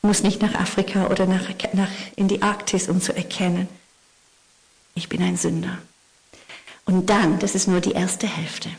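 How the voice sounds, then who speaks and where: A woman preaching a Christmas sermon, telling stories and often dropping to a hushed whisper for emphasis. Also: lowish voice, level tone, normal speed, gravelly, pauses often. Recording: long hall reverb.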